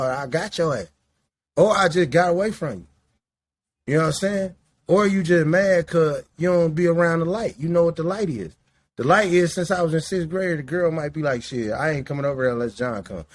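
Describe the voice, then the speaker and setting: A man's voice: fairly high pitch, a little hiss or hum. Profane, rambling man in his late forties. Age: 40s. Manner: loose, profane, rambling street talk. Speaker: podcast host. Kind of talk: casual monologue. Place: indoors, smoking while talking.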